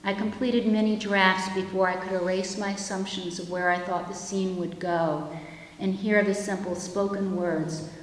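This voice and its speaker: A woman in her fifties gives a keynote lecture, reading measured and reflective prose from pages at a lectern microphone in a chapel-like hall. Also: mid-range voice, level tone. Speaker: keynote speaker. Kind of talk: reading a prepared lecture aloud. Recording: echoey room with long hall reverb.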